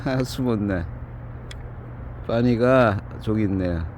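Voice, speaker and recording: A man's voice: on the low side, slow pace, darkish tone, a little hiss or hum. Man chatting and cooing outdoors. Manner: chatty, scolds and coos at animals in turn. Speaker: video host. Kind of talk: casual running commentary while filming outdoors. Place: outdoors in a built-up area before dawn.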